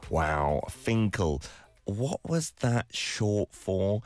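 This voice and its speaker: With music playing in the background, a male radio host whose first language is Korean delivers scripted entertainment news. His lowish voice swings widely in pitch and stretches out words, and he fills the gaps with relaxed, chatty asides and fillers.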